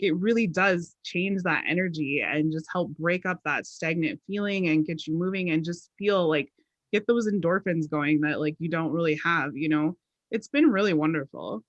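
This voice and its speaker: A woman hosting an interview over a video call from home, gushing and bubbly, with quick excited bursts. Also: on the low side, no room sound, dull audio. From South Dakota. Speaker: host.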